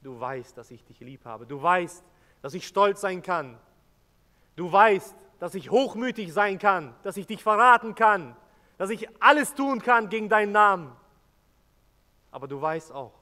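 A man's voice: medium pitch, measured pace, long pauses, lightly acted. A man preaching as a remorseful apostle, speaking earnestly in first person with emotional swells in a church. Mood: pleading. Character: remorseful adult male apostle recounting his denial. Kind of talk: first-person dramatic sermon monologue. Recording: long church reverb.

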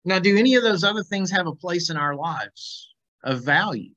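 His voice is high, sharp, and animated, moving at a moderate pace. The middle-aged man is reading and discussing scripture conversationally in an informal Bible class on a video call, asking the group questions. Recorded through a computer microphone in a small plain indoor room, the sound is dull and lo-fi.

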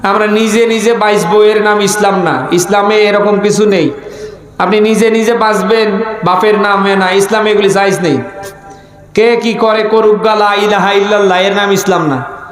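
A high-voiced man delivers an impassioned sermon. He exhorts his listeners, repeating phrases for emphasis and putting questions to them. The sound is heavily echoing, as if amplified in a big reverberant space. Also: steady tone, moderate pace, soft background music. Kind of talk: impassioned sermon addressed to a gathering, with call-and-response questions.

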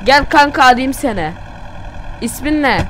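A woman chatting with friends while gaming, loud, crude and excitable in her banter. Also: sits high, moderate pace, a little hiss or hum. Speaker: gamer. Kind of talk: casual group chat while gaming. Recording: loud music behind.

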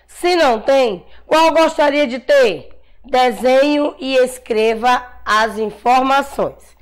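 Slow patient Brazilian teacher woman. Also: high voice. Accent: Brazilian Portuguese. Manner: patient, drawn-out syllables, sounding out letters; calls herself "tia", encouraging praise. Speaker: primary school teacher. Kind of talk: slow dictation-style class for young children.

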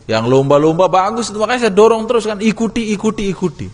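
A male religious teacher giving a lively classroom lesson, teasing and urging his students on. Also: high-pitched, quick pace. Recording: long hall reverb.

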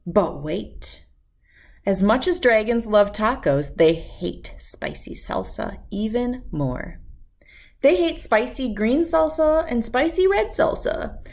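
A woman in her thirties reading a children's storybook aloud with expressive, emphatic delivery and dramatic pauses. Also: fairly high pitch. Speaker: read-aloud host.

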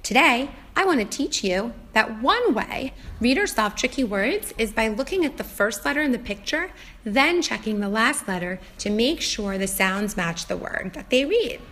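A woman teaches an early reading lesson in a bright, fairly high voice. She talks as if reading to a small child, in simple, deliberate phrases with a very animated melody. Letters and words are sounded out with care.

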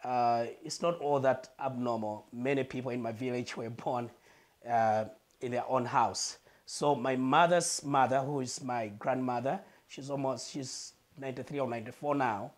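Speaking in a medium-pitched, steady voice, a Malawian guest recounts his life story with sincerity. He is miked with a lapel microphone in a living room and sometimes stops to find the right words.

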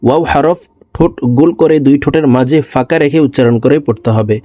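Recitation teacher, male, mellow dry voice, patient syllable drills. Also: medium pitch, no echo. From Bangladesh. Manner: slow syllable-by-syllable drilling, explains pronunciation rules; slow melodic chanted recitation. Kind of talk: spelling-out recitation lesson.

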